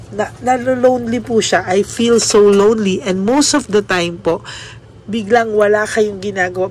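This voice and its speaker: Gentle woman host giving a personal reading. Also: on the low side, slight background noise. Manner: polite, says "po" often and ends many lines with a questioning "no?"; mixes English words into Tagalog speech. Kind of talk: soft-spoken reading addressed to the listener.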